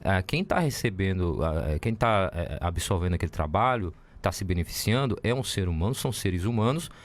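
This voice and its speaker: Rambling low-voiced Bahian male interviewer. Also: expressive, fairly quick. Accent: Bahian Brazilian Portuguese. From Brazil. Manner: rambling, restarts often while framing questions. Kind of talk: interview questions.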